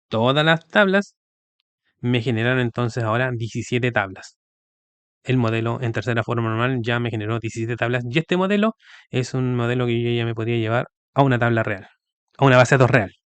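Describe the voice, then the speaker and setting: A man's voice: medium pitch, moderate pace, pauses often, clear, resonant tone, no room sound. A man giving a recorded video lecture, explaining step by step and often checking with the students. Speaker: teacher.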